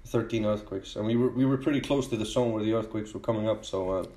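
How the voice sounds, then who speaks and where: Icelandic man, middle-aged, low voice, unhurried hesitant podcast guest in an echoey room. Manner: relaxed, hesitant, many "uh"s and "you know"s. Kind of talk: casual chat.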